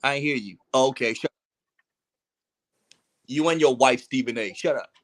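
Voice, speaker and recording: A man hosting a casual sports podcast rants in an exasperated, heated way, swearing and teasing his co-hosts. He speaks at normal speed with a medium-pitched voice.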